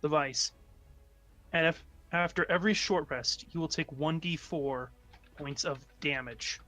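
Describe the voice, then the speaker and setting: A man narrating a tabletop game as game master, often halting and correcting himself. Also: on the high side, bright, forceful tone. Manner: halting, self-correcting delivery.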